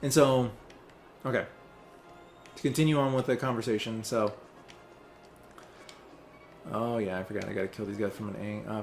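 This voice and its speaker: A young man hosting a let's play, chatting casually while he plays, rambling and distracted, with many fillers. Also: lowish voice. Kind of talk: casual chat while playing a game.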